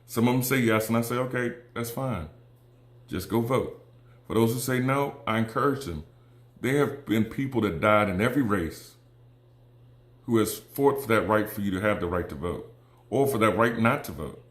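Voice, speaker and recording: Earnest halting man in an echoey room. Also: fairly low pitch. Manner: earnest and halting, many ums and restarts. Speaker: vlogger and combat veteran. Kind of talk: casual direct-to-camera talk.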